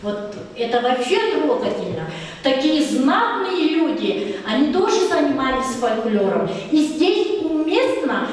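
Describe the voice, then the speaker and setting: Unhurried and very animated, a middle-aged Lezgian-speaking teacher with a high, bright voice quizzes her pupils and praises them throughout the lesson. A far-off camera picks her up in an echoey classroom.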